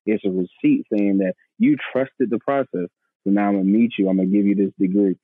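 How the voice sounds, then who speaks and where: A man's voice: on the low side, fairly even intonation, a little fast, dry recording. A man in his thirties, a pastor, telling his story in earnest, casual conversation, often repeating his words and calling the host man or bro. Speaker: pastor, podcast guest. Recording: tinny phone-line sound.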